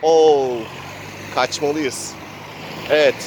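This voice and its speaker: A man acting as game master narrates an improvised tabletop adventure in a theatrical storytelling style. He speaks very slowly at a fairly high pitch, with fairly even intonation. Traffic noise from outdoors fills the recording.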